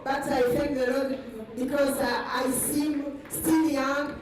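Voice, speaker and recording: A woman in her sixties from Rwanda introducing herself at a ceremony, halting and pausing with fillers. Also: high-pitched, flat delivery, crowd noise. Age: 60s. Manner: halting, many pauses and fillers. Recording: echoey hall from far off, noisy.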